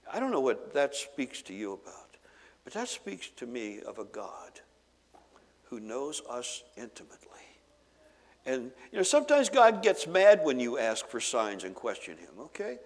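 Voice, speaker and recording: A male pastor preaches in a big church hall, his voice carrying a long reverb. He tells a Bible story with lively storytelling, slipping into the characters' lines. His pitch sits in a middle range. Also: a little slow. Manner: animated storytelling, acting out dialogue. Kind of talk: sermon. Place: church sanctuary.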